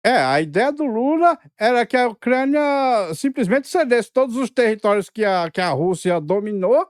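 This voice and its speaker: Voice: mid-range voice, animated, moderate pace, no room sound, clean studio sound. A co-host making sarcastic, mocking asides in political commentary.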